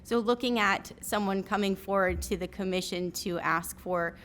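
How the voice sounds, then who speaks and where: A woman giving formal public comment at a zoning hearing, speaking into a podium microphone in a measured, earnest way. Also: medium pitch, fairly bright tone, slight background noise. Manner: measured and earnest, with some restarts. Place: county commission chamber at a podium.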